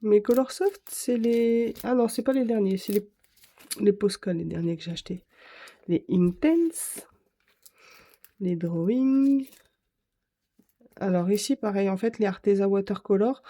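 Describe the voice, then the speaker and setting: A woman's voice: medium pitch, dark tone. A woman vlogger chatting casually to camera, rambling and correcting herself as she shows her art supplies. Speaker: craft vlogger.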